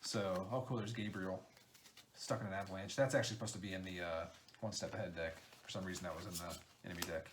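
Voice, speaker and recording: A game designer chatting excitedly through an unboxing, halting often with fillers. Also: male voice, low voice, slight background noise. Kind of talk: casual unboxing chat.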